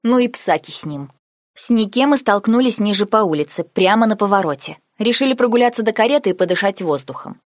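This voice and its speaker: A woman narrating a first-person fantasy audiobook in a measured, even way on a close mic. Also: mid-range voice, no room sound.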